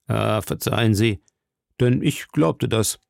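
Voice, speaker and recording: A coldly mocking aristocratic lord, read by a man in a dark, gravelly voice. His speech is measured and sneering and sounds dry and close. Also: on the low side, dry recording, heavily acted.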